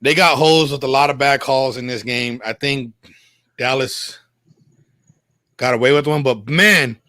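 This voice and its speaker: Casting: man, bright and forward tone, dry close sound, rambling opinionated sports talk. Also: medium pitch, unhurried, no echo. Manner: rambling, self-correcting, emphatic opinions. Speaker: sports talk show regular. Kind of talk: casual sports chat.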